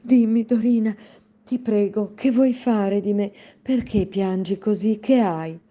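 A gentle young princess begging for her life, as a woman puts her on. Her voice sits well above an ordinary speaking pitch and pleads with a soft, earnest urgency. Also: a little slow, creaky, muffled recording. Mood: pleading.

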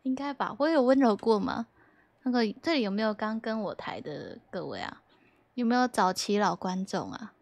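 A woman's voice: mid-range voice, big pitch swings, normal speed, gravelly, no echo. A young woman livestreamer chatting casually and playfully with her viewers, giggling often and reading their messages aloud from a desk mic at home.

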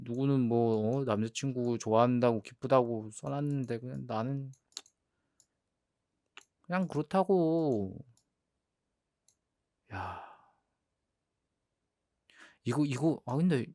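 A man playing a playful, defensive young boyfriend in a role-play ASMR audio drama, talking haltingly and repeating his words as he protests. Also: mid-range voice, lively intonation, a little mellow, no echo, clean studio sound. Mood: teasing, wistful.

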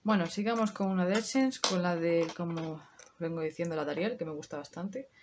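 A woman's voice: fairly low pitch, fairly quick, noisy background. A woman in her thirties with a Spain Spanish accent, chatting casually to her viewers through a makeup tutorial, swearing now and then. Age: 30s. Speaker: beauty vlogger.

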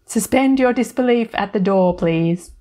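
A woman's voice: mid-range voice, expressive, measured pace, voice pushed up, natural voice. A woman voicing a bubbly, cheerful young woman with a breezy, playful way of talking. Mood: perky. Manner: bright, playful, chirpy.

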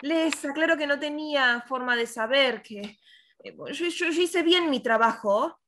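A woman's voice: sits high, measured pace, a bit bright, a little hiss or hum. A woman playing a fussy, formal office secretary who gets flustered. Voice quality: prim, formal and easily flustered. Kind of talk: amateur theatre play over video call.

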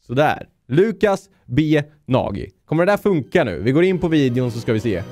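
A man's voice: mid-range voice, very animated, a little mellow, faint music behind. A young man reacting casually to videos, swearing freely and dropping English phrases.

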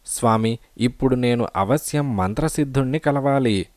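A man's voice: medium pitch, normal speed, no echo, natural voice. A man voicing a brave young male hero who answers steadily and confidently. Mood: humble.

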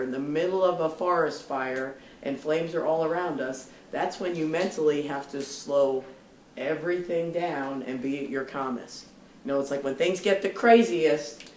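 A woman's voice: sits low, a little mellow. A middle-aged woman coach giving an emphatic, instructive pregame pep speech to her team in a locker room. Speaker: basketball coach. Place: small indoor locker room in front of seated players. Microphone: camera several feet away. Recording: roomy locker room, distant mic, faint noise.

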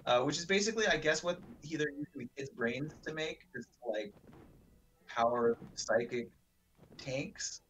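A man's voice: fairly high pitch, measured pace, a bit bright, slight background noise. A man giving casual, rambling commentary over a video game, full of fillers and the odd swear. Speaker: let's play commentator. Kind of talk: casual gameplay chat.

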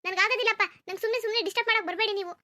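Speaking in a very high-pitched, bright voice that stays steady and forceful, a woman plays a drowsy young cartoon wife. The character whines in quick bursts, grumbling and digging in her heels about getting up.

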